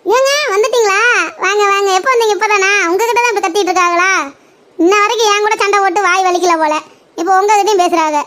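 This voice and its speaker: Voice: very high voice, fast, a bit bright. A performer voicing a young daughter-in-law in a comedy skit, who speaks in a mocking, defiant way.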